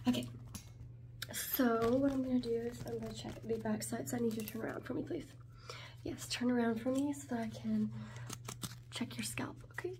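A woman in a soft ASMR whispered role-play, playing a suspicious airport security officer who gives procedural, repeated instructions. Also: a little high, lightly acted. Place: small room at home, indoors. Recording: distant mic, clear background noise, clicks.

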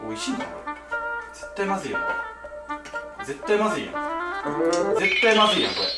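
A man's voice: sits high, sing-song, brisk. A young man with a Kansai accent, playfully hyping his own dish in casual cooking-challenge banter. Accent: Kansai Japanese. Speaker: YouTuber. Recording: roomy room with background music.

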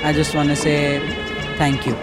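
A young man hosting casual mock interviews in a deadpan manner on a small handheld mic at a busy festival. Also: on the high side, moderate pace. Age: 20s. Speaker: vlog host and interviewer. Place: busy open warehouse festival. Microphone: small clip microphone held in hand. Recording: loud music behind.

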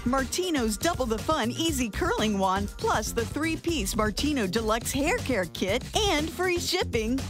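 High, swooping woman infomercial announcer over music. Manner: upbeat, emphatic selling. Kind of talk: infomercial voice-over, scripted sales pitch. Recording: music bed under voice.

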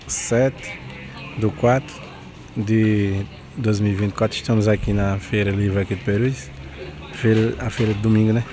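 A Brazilian man hosting a casual walking vlog, giving repetitive, conversational remarks on what he sees. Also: lowish voice. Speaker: vlogger, channel host. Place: outdoor street market. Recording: busy street market crowd noise. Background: loud crowd and street bustle.

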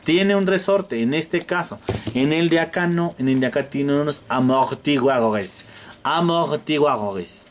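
A man's voice: on the high side, moderate pace, slight background noise. A man with a Mexican accent teaching electronics repair to a classroom, joking and acting out frustrated customers as he goes. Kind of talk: hands-on class demonstration. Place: classroom with students.

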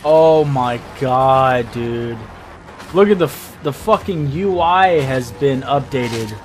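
Young man, streamer reaction, rowdy party animal, unhurried pace, profane, awestruck, game noise behind. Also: mid-range voice, expressive. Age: young adult. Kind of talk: excited casual live reaction. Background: game sound and showcase audio.

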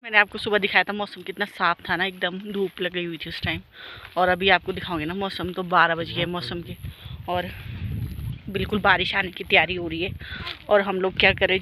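A woman records a casual vlog on a handheld phone kept at arm's length, speaking directly to viewers and her family. Her medium-pitched voice sounds pushed and bright, and the low-quality recording picks up background noise.

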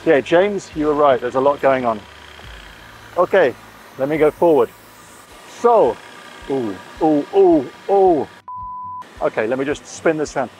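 A man in his forties hosts a vlog, giving an enthusiastic, emphatic walk-through tour to camera inside a boat under construction and a large boatyard shed, repeating phrases as he goes. His voice is fairly high and a little mellow, with lively intonation, a measured pace and long pauses. He wears a clip-on lapel mic, and the audio is poor.

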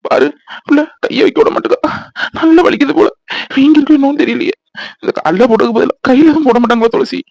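A man voicing a soft-hearted young father in a cartoon, who frets and pleads in a tearful way. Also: very high voice, fast, creaky, no room sound, lo-fi sound. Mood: fretful. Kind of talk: cartoon voice acting.

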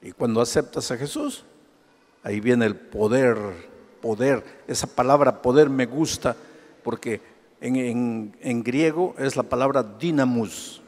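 A man pastor preaching a sermon, firing off rhetorical questions and swinging between hushed asides and loud exclamations. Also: medium pitch, measured pace, big-room sound.

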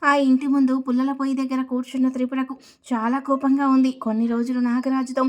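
High-voiced woman reading a serial story. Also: quick pace. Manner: steady, even storytelling. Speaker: story narrator.

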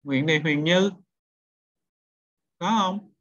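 A man's voice: a little high, drawn-out words, fairly bright tone. Man, teacher, quizzing students, repeating points, muffled lo-fi audio. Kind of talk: online class lecture. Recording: dull lo-fi sound.

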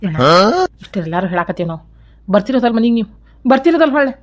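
A woman's voice: fairly high pitch, expressive, darkish tone, voice pushed down, natural voice. A woman voicing a grown man who scolds his family in a cartoon, with a North Karnataka accent. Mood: scolding. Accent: North Karnataka Kannada. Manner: fast, scolding.

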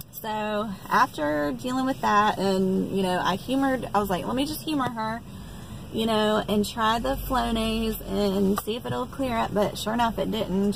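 A woman's voice: mid-range voice, creaky. A young woman chatting to her phone camera while driving, upbeat and rambling with lots of fillers. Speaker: vlogger. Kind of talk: casual chat to camera. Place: inside a car on the road. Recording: loud car road noise.

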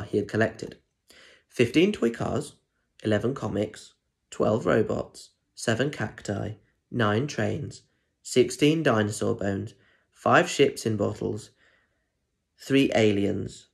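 Reading a children's picture book with plenty of expression, this young British man, a primary school story reader, breaks off to chat with listeners in asides. His voice is lowish, animated, and creaky, moving slowly with frequent pauses. The clip comes from a small indoor room at home, captured on a phone or tablet at arm's length.

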